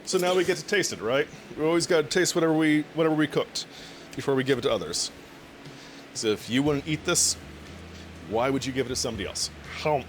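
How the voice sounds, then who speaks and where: A man's voice: fairly high pitch, fast, background noise. A man chatting casually with his viewers on a cooking live stream, laughing often and swearing now and then.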